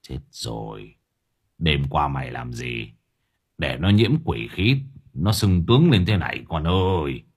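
A man voicing a gruff older male gangster bar owner who curses coarsely. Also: low-pitched, lively intonation, normal speed, voice pushed down. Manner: coarse, cursing, growling.

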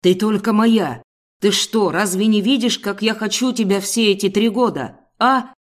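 A raging, loud middle-aged boss, voiced by a woman reading a story aloud. He bellows and snarls, crude and bullying, hammering every phrase at full volume. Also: mid-range voice, normal speed, natural voice. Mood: snarling. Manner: shouting, snarling, hurling insults.

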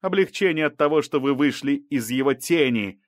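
A sneering, relentless woman prosecutor, as a male narrator puts her on, pitched well above his own voice and pushing hard. She mocks and presses, swelling toward shouts, in a dry, close storybook reading. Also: expressive, moderate pace, dry recording, close to an everyday voice. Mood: accusing. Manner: mocking, pressing, rising to shouts. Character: sneering aggressive female prosecutor.

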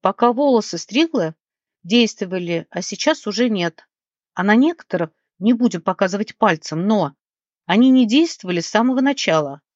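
A woman's voice: mid-range voice, lively intonation, moderate pace, no room sound, close to an everyday voice. A woman reading an audiobook and voicing a small, whiny, greedy male gnome who wails and sulks. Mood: irritated. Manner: wailing, sulky and pleading. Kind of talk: audiobook character voice. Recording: dull, dry lo-fi recording.

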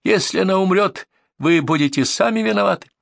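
Male narrator doing a cornered killer, shrill and hysterical, pitched well up, dry booth sound. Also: moderate pace, vocal fry, husky, no echo. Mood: hysterical threats. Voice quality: high, shrill voice. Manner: screaming threats.

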